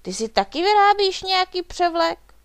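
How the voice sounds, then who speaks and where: A woman's voice: sits high, very animated, clear, resonant tone, no room sound, pitched above the performer's own voice. A woman voicing a small, cheerful male dragon in a storybook, with a curious, eager way of talking.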